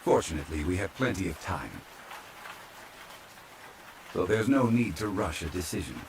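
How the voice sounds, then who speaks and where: A man roleplays a deathless, ancient gentleman from a fantasy game, his low, deep voice set against steadily falling rain. The soft ASMR piece is calm, courteous and old-fashioned, delivered in formal, measured phrasing for relaxation, though the background is noisy.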